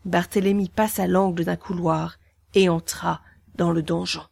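A woman narrating a children's storybook in a slow, hushed manner. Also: on the low side, fairly even intonation, vocal fry, slight background noise.

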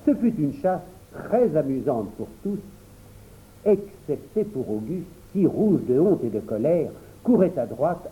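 A man reading a children's story aloud, expressive storytelling. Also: a little high, rough recording. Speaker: narrator.

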